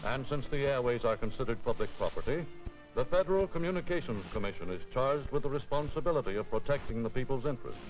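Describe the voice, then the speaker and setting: A man's voice: mid-range voice, lively intonation, fast, poor audio. A man giving formal, authoritative 1940s newsreel narration in a declamatory voice. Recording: old film soundtrack with music bed.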